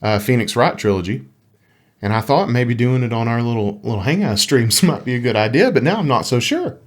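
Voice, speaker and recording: In casual, joking gaming podcast talk, a male co-host speaks fairly quickly at medium pitch with an animated delivery. Whenever he reads something out, he gives it a bit of playful drama.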